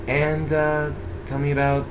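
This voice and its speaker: A man's voice: on the high side, unhurried. A man interviewing for an oral history project, hesitant with many fillers. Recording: steady background hiss.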